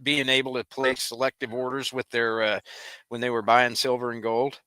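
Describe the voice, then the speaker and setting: A man co-hosting a casual live stream, folksy and self-deprecating as he rambles. His voice is bright and smooth. The sound is dry and close. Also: medium pitch, little pitch movement, normal speed, no room sound. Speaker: co-host.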